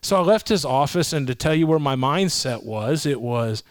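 A man's voice: medium pitch, animated, moderate pace, no echo. Middle-aged man telling his story, dry sound. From Massachusetts, raised in Florida. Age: 40s. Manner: earnest storytelling with restarts and self-quotes. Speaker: guest, ministry leader. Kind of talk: personal testimony in an interview. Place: a home.

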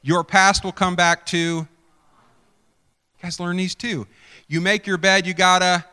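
A man's voice: high voice, level tone, measured pace, sharp tone, smooth, big-room sound. A man preaching a conversational sermon, chatty and self-interrupting, quizzing his congregation. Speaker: pastor.

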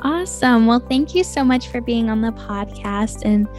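A woman hosting a podcast, upbeat as she interviews her guest and signs off quickly. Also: on the high side, expressive, a little mellow, soft background music. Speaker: podcast host.

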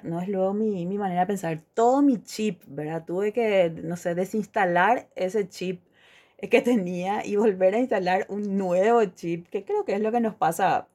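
Middle-aged woman, low mellow voice. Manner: warm storytelling, acts out quoted lines, says "¿verdad?" often. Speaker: podcast co-host. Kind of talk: casual chat.

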